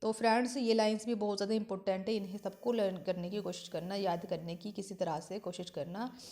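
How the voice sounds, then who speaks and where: In a steady, mellow, mid-range voice, a woman teaches literature for exams. She goes over key points repeatedly, asks questions and answers them herself, and reads English verse in a slow, halting way.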